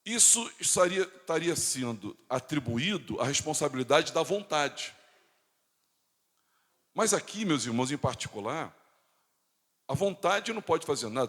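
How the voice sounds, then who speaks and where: A Brazilian man with a Rio de Janeiro accent preaching a sermon, swinging between loud and hushed emphasis. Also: a little high, animated, normal speed. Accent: Rio de Janeiro Portuguese. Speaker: pastor. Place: church. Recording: hall reverb.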